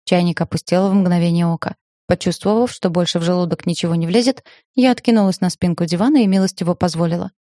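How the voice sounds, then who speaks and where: Mellow woman narrating a novel. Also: lowish voice, fast talker, no echo, clean studio sound. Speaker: audiobook narrator. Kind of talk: scripted first-person novel narration.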